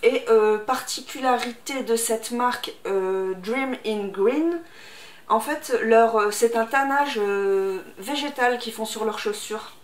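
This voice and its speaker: Chatty high-voiced woman in an echoey room. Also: a little slow, hardly any pauses. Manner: chatty, hesitant with many fillers. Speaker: unboxing vlogger. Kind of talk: casual chat to camera. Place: room at home, indoors. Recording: echoey room with background noise.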